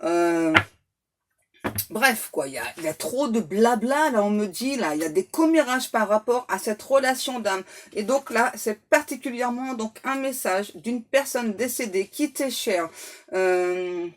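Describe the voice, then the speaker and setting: Woman, tarot reader, slightly high voice, casual and chatty, teasing asides to unseen guides. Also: lively intonation, a little slow. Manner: chatty, joking asides to her spirit guides; self-mocking, laughs at herself. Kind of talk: casual tarot reading to camera.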